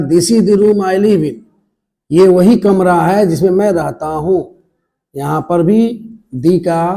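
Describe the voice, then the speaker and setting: A man with an Indian accent gives a slow, deliberate English pronunciation lesson. He spells words out letter by letter and repeats each one. His voice sits fairly high but sounds dark and mellow. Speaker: English teacher.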